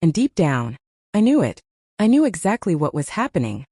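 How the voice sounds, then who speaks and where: A woman narrating a first-person drama story in a dramatic way, with slow, emphatic pauses. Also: lowish voice, big pitch swings, dark tone, slightly rough, dry recording, studio quality.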